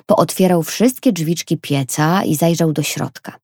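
Husky, gravelly woman reading a children's story. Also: low-pitched, unhurried, dry recording, clean studio sound. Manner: expressive, lively reading. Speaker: narrator.

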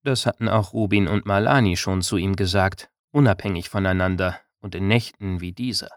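A man narrating a German-language novel as an audiobook in a calm, measured way. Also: lowish voice, no room sound, studio quality.

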